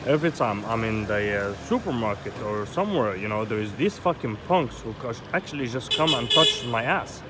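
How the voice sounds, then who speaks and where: An Egyptian man in his thirties rants in a personal vlog, agitated and rambling, swearing often and leaning heavily on "you know." His mid-range voice is sing-song, at normal speed with few pauses, over loud street traffic outdoors.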